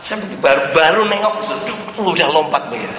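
A male preacher giving an animated sermon, often addressing the congregation and dropping English phrases into his talk. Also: fairly high pitch, brisk, a little hiss or hum. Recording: roomy hall with long reverb and faint ambience.

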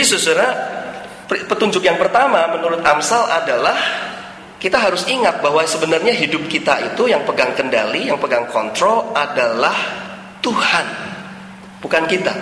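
A male preacher giving an animated sermon, often addressing the congregation and dropping English phrases into his talk. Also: on the high side, slight background noise. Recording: roomy hall with long reverb and faint ambience.

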